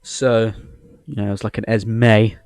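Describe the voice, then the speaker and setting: Over soft background music, this English gaming channel host talks in a deep, darkish voice at a measured pace and level tone. He gives cheeky, joking, rambling commentary on his playthrough and reads out the game's dialogue. The audio is studio quality with no echo.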